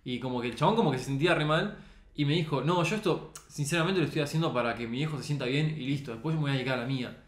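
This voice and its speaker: A young man with a Rioplatense Spanish accent talks very fast in a mid-range voice. He's a photographer appearing as a podcast guest, speaking earnestly in casual chat packed with slang fillers. The recording studio gives it a roomy echo.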